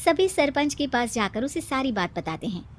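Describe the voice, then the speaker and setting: A high-voiced woman narrates a scripted cartoon story. She tells it as a storyteller between the characters' lines. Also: sing-song, moderate pace.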